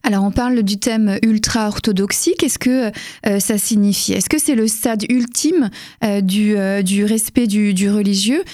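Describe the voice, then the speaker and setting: A woman hosting a radio interview, asking measured, polite questions with occasional fillers. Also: mid-range voice, fairly even intonation, darkish tone, dry recording, clean studio sound. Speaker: radio host.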